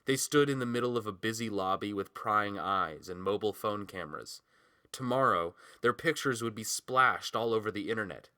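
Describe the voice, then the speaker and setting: A man narrating a romance audiobook in a measured, expressive way, close to the mic. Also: on the low side, dry recording.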